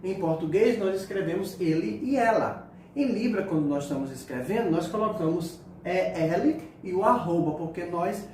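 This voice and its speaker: A man teaching a sign language lesson, speaking haltingly and repeating words as he demonstrates signs. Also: high-pitched, expressive, darkish tone. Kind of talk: spoken lesson explaining signs. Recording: echoey distant mic with faint room noise.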